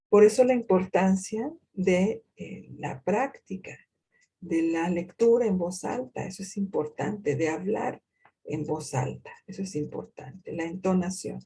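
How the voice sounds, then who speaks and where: A woman giving a university lecture in a deliberate way, posing rhetorical questions to herself and pausing often with hesitations. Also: lowish voice, creaky, dark tone, slight background noise. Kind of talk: recorded lecture on reading comprehension.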